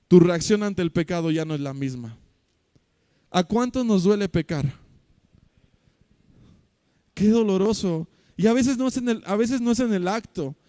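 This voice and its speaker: A pastor with a Mexican Spanish accent preaches a sermon in a church hall, his voice high and mellow. He tells stories animatedly, acting out the people in them and swinging from loud to soft. The sound is dry and close, without room echo.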